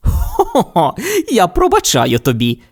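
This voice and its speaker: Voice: medium pitch, wildly swooping pitch, moderate pace, pitched above the performer's own voice. A narrator doing a blustering greedy tomcat. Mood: gleeful. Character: greedy, hot-tempered tomcat, loud and boastful. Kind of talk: storybook character voice.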